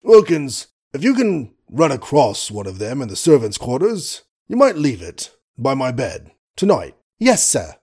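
A man's voice: medium pitch, huge pitch swings, unhurried, hardly any pauses, a little mellow, slightly rough, full character voice. A man reading the part of a blustering, doting old colonel who swears mildly and teases his daughter. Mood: sheepish.

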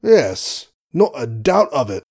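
A man's voice: medium pitch, very animated, takes it slowly, gravelly, darkish tone, husky, full character voice. A man reading the part of a blustering, doting old colonel who swears mildly and teases his daughter.

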